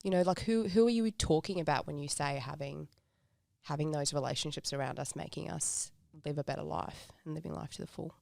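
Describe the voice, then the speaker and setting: A woman co-hosts a faith podcast and asks thoughtful interview questions. Her voice sits low with a gravelly fry, and the recording is dry and close. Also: fairly quick, no room sound. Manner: warm, affirming, thoughtful. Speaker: podcast co-host.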